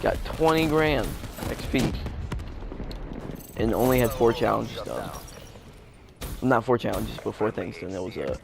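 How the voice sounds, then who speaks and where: A man's voice: mid-range voice, a little slow, vocal fry, pauses often, noisy background. A young man giving live gameplay commentary as a gaming YouTuber, rambling with many fillers and restarts. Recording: gameplay gunfire loud behind. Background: game gunfire and explosions.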